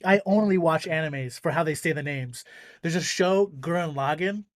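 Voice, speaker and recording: A man's voice: fairly high pitch, moderate pace, no echo, clean studio sound. A man from Minnesota hosting a casual comedy podcast, joking around and jumping into exaggerated bits. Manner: jokey, jumps into exaggerated bits.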